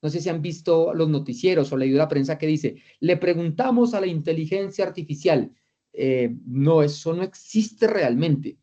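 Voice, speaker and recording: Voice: mid-range voice, moderate pace, dark tone, dull audio. A trainer gives an interactive online lecture, asking rhetorical questions and reading out replies from the chat. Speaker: trainer of a virtual course. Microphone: video call.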